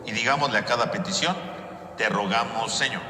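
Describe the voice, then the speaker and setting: Priest, bright voice, cathedral echo. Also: male voice, mid-range voice, fairly quick, slight background noise. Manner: preaching with frequent "¿verdad?" tags. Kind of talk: homily and prayers at Mass. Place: large church. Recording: echoey church with long reverb.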